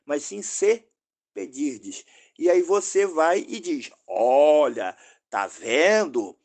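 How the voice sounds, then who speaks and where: A Brazilian man hosts a channel and directly rebuts an opponent in a combative monologue. His voice sits slightly high, and his speech is pointed and argumentative. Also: vocal fry. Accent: Brazilian Portuguese. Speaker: host.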